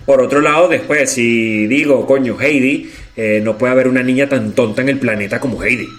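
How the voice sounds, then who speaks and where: A man's voice: medium pitch, brisk, fairly bright tone. Joking Venezuelan man, playful banter. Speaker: podcast co-host. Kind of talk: casual chat.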